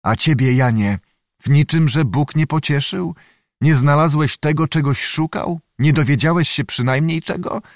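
A man's voice: fairly high pitch, moderate pace, no echo, clean studio sound, voice pushed up, lightly acted. A man reading an audiobook, voicing a grim, weary soldier in a gloomy, foreboding tone. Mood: quietly probing.

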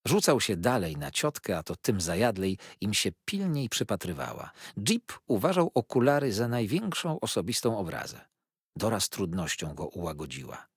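A man narrating a novel in an expressive, wistful storytelling voice. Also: lowish voice, moderate pace, husky, no echo, studio quality. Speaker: audiobook narrator.

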